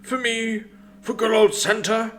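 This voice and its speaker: A man voicing a foul-mouthed, violent old Santa Claus in a spoken story, mocking and shouting threats. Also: high voice, flat delivery, measured pace, voice pushed up. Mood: wheedling.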